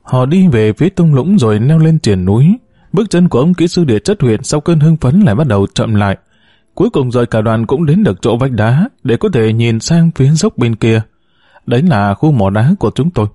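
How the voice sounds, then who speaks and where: A man reading a story aloud at a steady pace, with a dark, mellow timbre. The recording is dry and close, with no room echo, and his pitch sits in an ordinary middle range. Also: fairly quick. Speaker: narrator. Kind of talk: audiobook reading.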